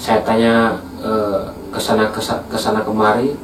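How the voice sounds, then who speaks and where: A man's voice: on the low side, completely flat delivery, moderate pace, far from the mic, noisy background. Man telling a horror story for a podcast, chatty, echoey room, sits back from the mic. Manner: chatty, addresses listeners as guys. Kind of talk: casual horror story narration.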